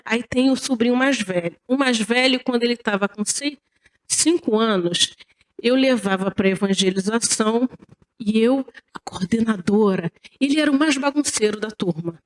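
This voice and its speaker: A Brazilian woman with a high voice delivers a spiritist religious lecture in a lecture hall, telling stories in a lively, talkative way.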